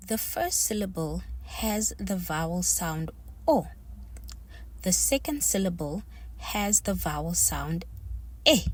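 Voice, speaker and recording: A woman teaching an online English lesson in a slow, deliberate way, warmly addressing her young viewers as her steppers. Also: fairly low pitch, breathy edge.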